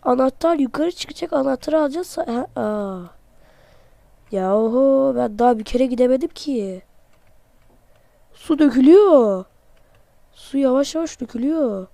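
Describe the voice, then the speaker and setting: A man giving excited let's-play commentary, joking and talking to himself as he plays. His voice sounds off because he is sick. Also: extremely high pitch, moderate pace, creaky, no room sound. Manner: playful, excitable, jokey, talks to himself while playing; self-mocking. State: voice off from being sick. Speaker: gamer, channel host.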